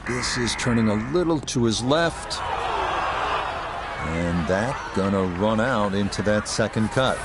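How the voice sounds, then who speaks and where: A man giving golf commentary as a lead play-by-play announcer, with measured, descriptive delivery. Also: fairly low pitch, animated. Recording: outdoor crowd and ambient noise behind. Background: crowd and outdoor ambience.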